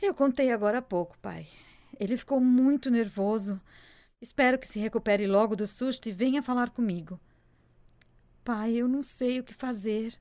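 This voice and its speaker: A woman's voice: a little high, moderate pace, a little mellow, no room sound, natural voice. A woman voicing an anxious, emotional young pregnant woman in an amateur radio drama, pleading and upset. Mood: distressed.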